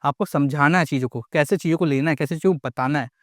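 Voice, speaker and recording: Animated Indian man lecturing, dry sound. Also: fairly high pitch, quick pace, no echo. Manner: animated, mixes English into his talk, rhetorical questions. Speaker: astrology teacher. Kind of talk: casual lecture.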